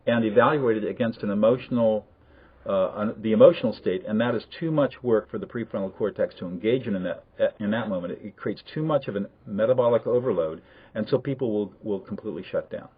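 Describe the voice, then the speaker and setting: Low husky man over a tinny line. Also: fast. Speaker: conflict de-escalation expert. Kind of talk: explanatory conversation on a livestream.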